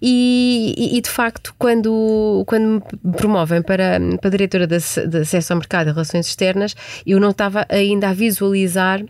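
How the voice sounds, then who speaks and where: A woman in her forties speaks with a European Portuguese accent, thoughtful and measured as an interview guest. She often pauses and restarts mid-sentence, and her voice sounds close and dry. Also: medium pitch, little pitch movement, darkish tone, no room sound. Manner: reflective, frequent restarts and hesitations. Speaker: podcast guest, executive. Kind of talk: conversational interview answers.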